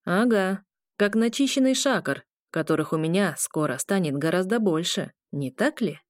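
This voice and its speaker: A woman's voice: lowish voice, lively intonation, normal speed, no echo, clean studio sound, close to an everyday voice. A woman voicing a boastful, sly male legate guard in an audiobook. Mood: smug.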